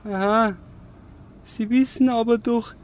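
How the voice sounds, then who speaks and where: A man's voice: very high-pitched, steady tone, slow. A man playing a polite, formal pharmacist who speaks matter-of-factly.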